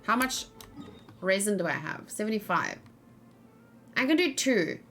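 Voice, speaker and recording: With soft music in the background, a woman streams a game and chats informally with viewers, thinking aloud as she goes. Her mid-range voice is fairly bright, sing-song and a bit creaky, and her pace is measured.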